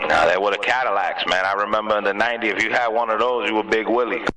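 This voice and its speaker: A New York CB radio operator chats casually over the air, using slangy, teasing talk. He speaks fast in a fairly low, steady voice. The two-way radio transmission sounds noisy and far away.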